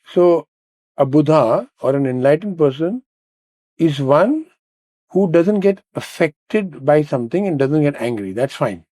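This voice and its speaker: A man's voice: a little high, expressive, measured pace, mellow, no echo. A man hosting a conversation, explaining ideas earnestly with rhetorical questions. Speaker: podcast host.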